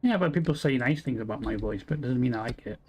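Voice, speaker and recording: His voice is medium-pitched, husky, and a little mellow, with lively intonation and a fast delivery. This Welsh game streamer, who has an English accent, gives loose commentary on a factory-building game, swearing a lot, mumbling to himself, and mocking his own efforts.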